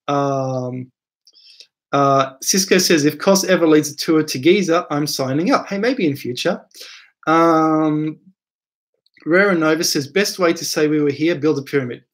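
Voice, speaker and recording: A man's voice: fairly high pitch, measured pace. A man hosting a casual live stream, reading viewer questions from chat aloud and answering them in a rambling way, repeating words and using lots of fillers.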